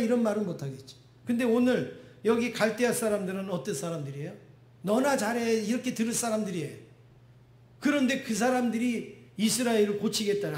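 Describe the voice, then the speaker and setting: A middle-aged male pastor preaching a sermon in a conversational way. He keeps asking the congregation questions and acts out the voices he quotes. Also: high-pitched. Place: church sanctuary. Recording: echoey church hall.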